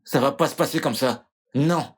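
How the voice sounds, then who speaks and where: A man's voice: medium pitch, moderate pace, husky, natural voice. A man playing a defiant, vengeful young brother. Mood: indignant. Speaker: brother of the wronged sister. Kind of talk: dubbed film acting.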